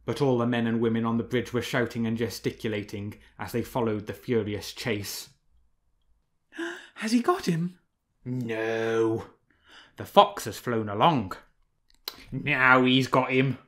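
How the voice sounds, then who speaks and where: A man reading a fable aloud as an audiobook narrator, measured and expressive. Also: on the low side. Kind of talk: scripted storybook narration.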